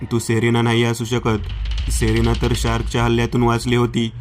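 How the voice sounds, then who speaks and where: A man's voice: medium pitch, completely flat delivery, normal speed, a little hiss or hum, natural voice. A man voicing a frightened young man trapped in a cave, panicked and pleading, in a horror story. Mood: alarmed.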